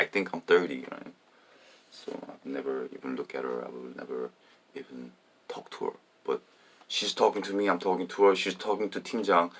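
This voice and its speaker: Super deep gravelly middle-aged guy, rambles on and on, faint hiss behind. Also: a bit bright. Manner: meandering, repeats himself, many fillers. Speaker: vlogger. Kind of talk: rambling personal monologue.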